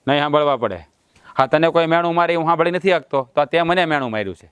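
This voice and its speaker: A man's voice: on the high side, lively intonation, fast, a bit bright, clean tone, no echo. A man playing a boastful village husband who swears to fix things in a family drama. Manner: boastful, swaggering, blustering. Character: proud blustering village husband, middle-aged.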